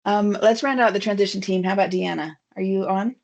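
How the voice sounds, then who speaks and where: Over a video call, a woman runs an online team meeting, chatty and friendly with lots of fillers. Her medium-pitched voice is brisk and steady, with vocal fry and a darkish color. The audio is dull and lo-fi.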